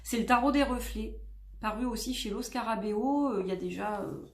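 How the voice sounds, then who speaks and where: A woman's voice: a little high, normal speed, reverberant, slight background noise. A woman with a French accent chatting casually as she shows her tarot decks, rambling with many fillers and self-corrections. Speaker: tarot vlogger.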